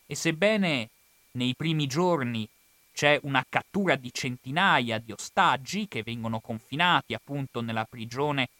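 A man's voice: mid-range voice, pushed and bright, no echo. Formal Italian man narrating history. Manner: measured, formal delivery with occasional self-corrections. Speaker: history lecturer.

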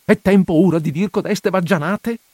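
A man's voice: sits high, normal speed, a little mellow, breathy edge, no room sound, pitched above the performer's own voice. Don Abbondio, a man doing a fretful old priest. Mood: exasperated. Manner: fretful, whining and exasperated, with sighs. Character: anxious, fearful elderly country priest.

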